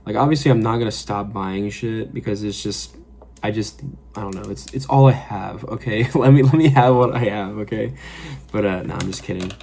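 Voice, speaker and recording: This late-twenties man talks from his apartment with a gravelly, darkish, lowish voice at a moderate pace. A fragrance vlogger, he rambles casually through a reflective monologue, swearing and leaning on fillers.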